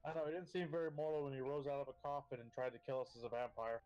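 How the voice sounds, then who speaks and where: Male gamer, mid-range pitch, rapid talker, blunt and cocky at the game table. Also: steady tone, a little mellow, muffled recording. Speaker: player in a tabletop role-playing game. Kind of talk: casual game chat with in-character lines.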